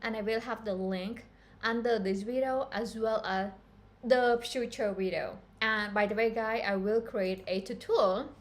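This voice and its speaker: A woman's voice: fairly high pitch, unhurried. A woman from Cambodia, giving a chatty, earnest live-stream tutorial on pattern making and talking straight to her viewers. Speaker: fashion pattern-making instructor.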